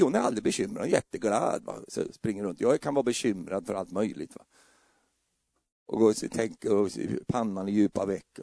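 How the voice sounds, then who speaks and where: Gravelly preacher, dark voice. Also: male voice, medium pitch, dry recording, studio quality. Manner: humorous, acts out scenes with voices. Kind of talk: lively sermon.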